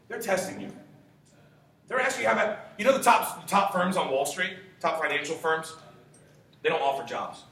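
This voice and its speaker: A man's voice: sits high, moderate pace, vocal fry, pauses often, pushed and bright. A man in his twenties gives a sales training talk to a group, emphatic and punchy, firing off rhetorical questions and swearing casually. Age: 20s. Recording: very echoey room, distant mic, faint hiss.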